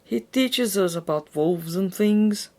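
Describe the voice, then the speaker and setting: A woman's voice: mid-range voice, animated, slow, darkish tone. A woman voicing a smug, gleeful schoolboy brother in a theatrical, hammy storybook delivery. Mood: know-it-all.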